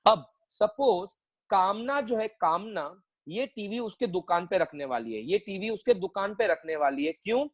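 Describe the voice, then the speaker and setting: A man's voice: sits high, lively intonation, measured pace, low-quality recording. A man teaching an online accounting class, mixing Hindi and English, joking with his students and repeating phrases as he quizzes them.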